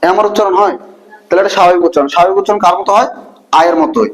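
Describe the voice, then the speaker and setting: High-voiced man teaching a class. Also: rapid-fire, low-quality recording. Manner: asks students questions and answers them himself. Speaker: Bangla teacher. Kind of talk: classroom lesson.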